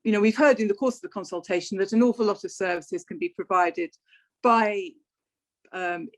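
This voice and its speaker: A woman's voice: mid-range voice, moderate pace. Woman hosting a local debate, um-ing a lot between questions. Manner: hesitant, many fillers. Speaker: debate host. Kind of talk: moderating a candidates' debate.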